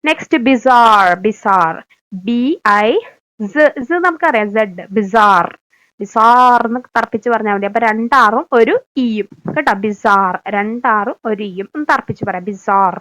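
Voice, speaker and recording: Kerala teacher lady, bit high voice, spells words out slow n repeats em, coaxing. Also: a bit bright, rough recording. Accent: Keralan Malayalam. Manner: coaxing, adds "kettō" tag to lines. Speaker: exam-prep English teacher. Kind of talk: spelling lesson in Malayalam.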